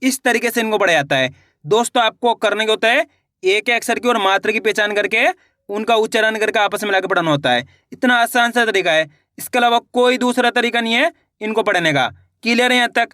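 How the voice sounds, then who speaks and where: A male teacher slowly sounds out Hindi words syllable by syllable for a reading lesson, and speaks more briskly when he explains. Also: high-pitched, pushed and bright, dry recording, clean studio sound.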